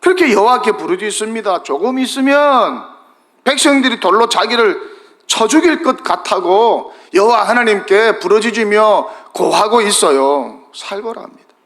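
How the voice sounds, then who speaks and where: A middle-aged pastor delivers a sermon in a fairly high voice that swings widely in pitch. He keeps questioning his listeners, building up and then sinking almost to a murmur. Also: lively intonation, normal speed, fairly bright tone. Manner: asks the congregation questions, rises and falls dramatically.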